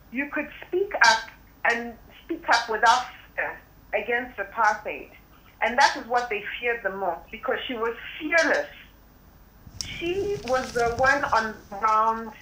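Woman on a phone line, bright sharp voice, echoey tinny sound, talks with passion. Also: fairly high pitch. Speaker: phone-in guest commentator. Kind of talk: phone-in commentary. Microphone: telephone.

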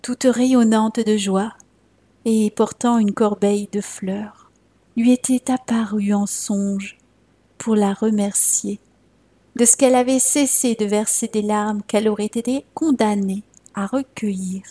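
A woman from France reading a legend aloud in a measured, solemn narration. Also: medium pitch, fairly even intonation, dark tone. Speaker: storyteller. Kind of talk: scripted narration.

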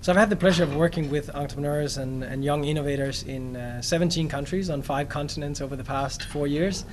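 A man in his thirties from Denmark, a startup trainer, speaking earnestly with frequent filler pauses into a handheld mic in a large conference hall. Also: on the high side. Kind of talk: on-location interview. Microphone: handheld microphone.

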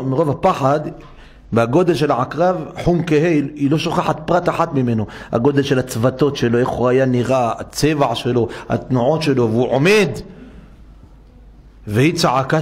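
A man's voice: on the high side, husky. A man preaching as a rabbi in a synagogue, telling a story and acting out each character's voice with animation. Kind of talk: sermon storytelling.

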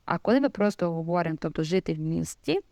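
A woman teaching an Italian lesson, explaining slowly, with many fillers and repeated examples. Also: fairly low pitch, expressive, vocal fry, darkish tone, no room sound, clean studio sound. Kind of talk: casual video lesson.

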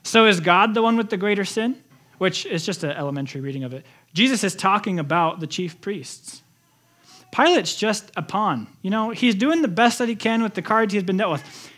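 A man preaching a sermon as pastor, telling the story with animated, conversational energy. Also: high voice, normal speed. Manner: animated storytelling, acts out quotes in lively voices.

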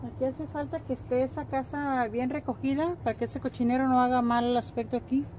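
A middle-aged woman with a Mexican accent talks in a slightly high voice, in the loose, colloquial way of a home vlogger. She narrates everyday life into a handheld phone, with ambient noise around her. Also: steady tone, fairly quick, a little mellow, rough recording. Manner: colloquial, chatty. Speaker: family vlogger. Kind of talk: casual narration to camera while doing daily errands. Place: at home, indoors and in front yard. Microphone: phone at arm's length.

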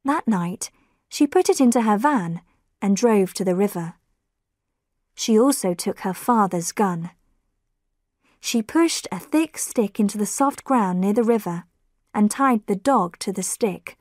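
Casting: female story narrator for learners, very slow, even and clear, dry booth sound. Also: mid-range voice, dry recording. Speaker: audiobook narrator. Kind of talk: graded-reader story narration.

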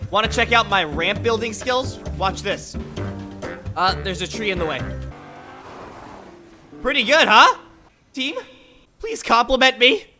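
A man talking through a voice changer that raises his pitch, giving playful, self-mocking gameplay commentary as a video creator. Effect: voice changer raising the pitch.

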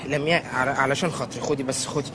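A man's voice: medium pitch, fairly even intonation, racing, crowd noise, close to an everyday voice. An actor with an Egyptian accent playing an earnest, bookish young history teacher who lectures eagerly and coaxes his fiancée. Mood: pleading. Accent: Egyptian Arabic. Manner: lectures eagerly, coaxing and pleading.

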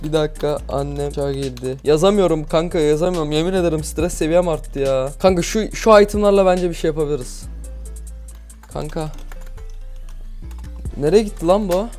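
A young man giving casual, excitable commentary over his gameplay, swearing often and laughing nervously. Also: fairly high pitch, fairly quick, faint music behind. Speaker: gaming YouTuber.

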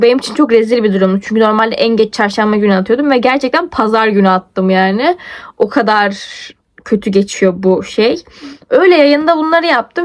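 A young woman vlogger with a high, light voice tells a story to the camera. She talks fast and breathlessly, her pitch swinging from high to low. The tone is casual and chatty. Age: young adult.

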